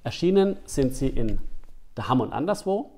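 A man, an author, reading his own stories and poems aloud in an expressive, storytelling manner. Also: mid-range voice, normal speed. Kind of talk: literary reading.

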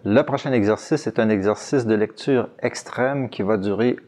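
A man's voice: on the low side, moderate pace, a little mellow. A man narrating an instructional video, explaining a training exercise step by step and speaking straight to the listener. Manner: step-by-step, addresses the listener directly. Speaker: course narrator.

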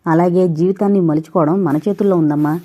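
A woman's voice: on the low side, steady tone, fast talker, dark tone, close to an everyday voice. A woman voicing a caring older brother who gives sorrowful advice, in an audio novel. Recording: dull lo-fi recording.

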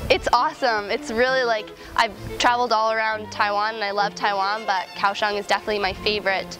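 A woman's voice: mid-range voice, little pitch movement, brisk, poor audio. A young woman chatting in a documentary interview about her dragon boat team, recorded outdoors at night on a lapel mic. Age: young adult. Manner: bubbly, chatty, many "like"s. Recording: music playing underneath.

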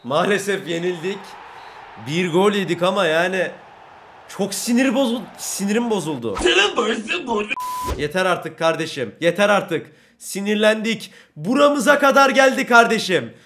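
A young man commentating his own football video game match, excitable and often frustrated, yelling at goals and misses. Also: high-pitched, slight background noise. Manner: excitable, yells at goals and mistakes. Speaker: gaming YouTuber. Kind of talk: gameplay commentary.

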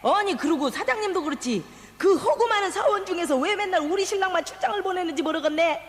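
A woman's voice: extremely high pitch, expressive, quick pace. A woman with a playing a brash, nagging wife in a staged comedy sketch. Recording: reverberant tape recording with faint music.

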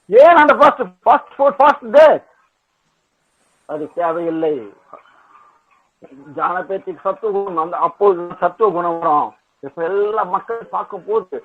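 A man gives a spiritual talk in a fairly high voice, pressing his points with rising emphasis and repeated words. He restarts words now and then as he goes. The sound is narrow and tinny, like a phone line. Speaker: spiritual speaker.

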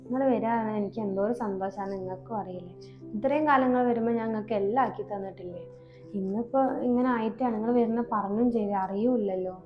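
A woman with a Malabar Malayalam accent playing a calm, patient young daughter-in-law who pleads with her sister-in-law, in a comedy skit. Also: medium pitch, fast, reverberant, phone-quality sound, soft background music, natural voice. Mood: pleading.

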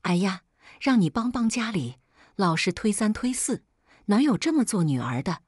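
A woman's voice: mid-range voice, very animated, moderate pace, a little mellow, breathy edge, no echo, clean studio sound. A woman narrator voicing a nagging, self-pitying older mother who sighs and complains. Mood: scolding. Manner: sighing, complaining.

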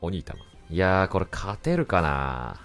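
A man giving casual, excitable commentary over his own gameplay and often shouting back at the game. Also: low-pitched, unhurried. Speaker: let's play commentator. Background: faint game music.

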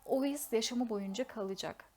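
A woman voicing a wise, elderly male wizard who speaks calmly and evenly, in a storybook reading. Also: fairly high pitch, normal speed, close to an everyday voice. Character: calm wise old male headmaster wizard.

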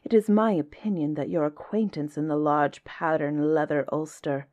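A woman voicing a pompous, wordy male python in a storybook tale, advising in a deliberate, grand manner. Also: low-pitched, fairly even intonation, a little mellow, muffled recording, close to an everyday voice. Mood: pompous, urgent. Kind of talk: storybook character voice.

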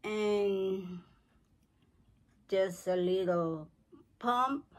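Slow-talking woman in her seventies. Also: mid-range voice. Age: 70s. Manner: slow, searching for words, non-native phrasing. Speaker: craft and beauty vlogger. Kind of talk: unscripted home tutorial. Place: cluttered living room at home.

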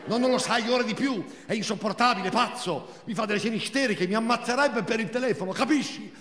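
A man doing a shrill furious young wife. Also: brisk, roomy sound, big-room sound. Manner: shrill outbursts, yelling accusations.

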